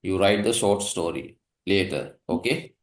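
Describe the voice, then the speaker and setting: Male tutor, slow, lowish voice, explanatory, echoey room. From Sri Lanka. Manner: slow, explanatory, checks understanding with "right?". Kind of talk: one-on-one tutoring, reading a story aloud.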